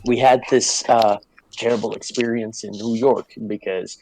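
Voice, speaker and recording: A man's voice: lowish voice, fairly even intonation, normal speed, vocal fry, a little mellow, a little hiss or hum, low-quality recording. A young man from Puerto Rico chatting on a podcast, telling a story loosely with swearing and laughs. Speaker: podcast co-host. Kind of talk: casual chat.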